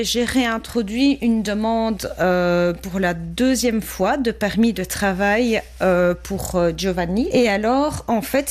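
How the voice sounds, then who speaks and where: A woman's voice: medium pitch, darkish tone. Hesitant woman explaining paperwork. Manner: casual, hesitant with many fillers. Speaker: HR staff member. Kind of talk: workplace interview.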